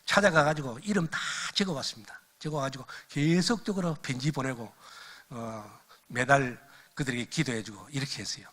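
An older male missionary with a medium-pitched voice lectures at a normal pace. He's an animated storyteller, filling the talk with personal anecdotes and laughing at them as he goes.

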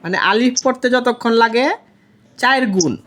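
A woman's voice: a little high, moderate pace, a bit bright. A woman teaching an online Quran lesson, patiently repeating each letter sound to demonstrate it.

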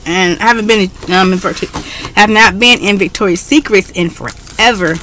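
A woman's voice: medium pitch, normal speed, a little hiss or hum. Chatty woman vlogging from home. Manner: chatty, excitable, frequent fillers. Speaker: beauty vlogger. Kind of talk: casual haul video. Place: bedroom at home, indoors. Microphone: webcam at desk.

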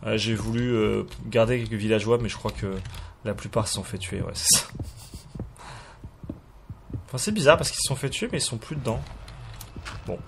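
A man's voice: lowish voice, normal speed, creaky, pauses often, noisy background. A man giving casual, hesitant commentary while showing a game mod, full of fillers and restarts and chuckling at himself. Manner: self-mocking, chuckles at himself. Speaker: YouTuber presenting a game mod.

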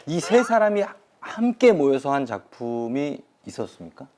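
A man's voice: fairly high pitch, big pitch swings, normal speed, darkish tone. A man hosting a casual movie talk show, often chiming in with reactions. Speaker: show host.

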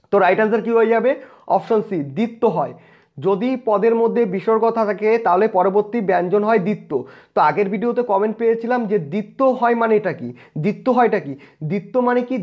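A man with a West Bengal Bengali accent works through exam questions at a quick clip, his voice sitting high for a man. He reads out every question twice, then the options, then the answer, mixing in English words. The recording sounds dull and lo-fi. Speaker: exam prep teacher. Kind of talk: quiz walkthrough lesson.

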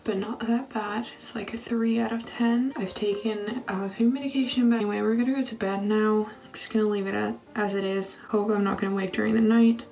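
A woman's voice: mid-range voice, steady tone, brisk, creaky, few pauses, mellow. A young woman casually narrating and chatting in a personal vlog. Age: young adult. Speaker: vlogger.

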